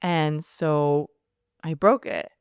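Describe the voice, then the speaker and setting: A woman's voice: deep voice, fairly even intonation, drawn-out words, smooth, dry recording, clean studio sound. A woman telling her personal faith testimony in an earnest, storytelling way, often saying "like". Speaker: podcast guest sharing testimony.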